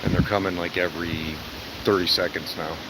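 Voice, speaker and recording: A man's voice: low voice, fairly even intonation, a little fast. A man giving casual, enthusiastic live commentary on a storm from outdoors in a yard. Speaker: amateur storm watcher livestreaming. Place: outdoors in a yard at night during hurricane winds. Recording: loud wind buffeting the microphone, rustling leaves. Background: strong gusting wind, rustling trees.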